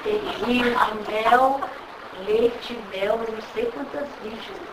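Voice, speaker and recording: Woman in the crowd answering back, kinda high voice, echoey hall. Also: slow. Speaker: audience member. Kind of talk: answering the speaker from the audience. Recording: distant voice in a noisy hall.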